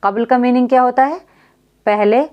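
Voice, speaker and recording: A woman's voice: on the high side, moderate pace, lo-fi sound. A woman teaching a beginner Urdu reading lesson, spelling out letters and vowel marks and asking questions that she answers herself.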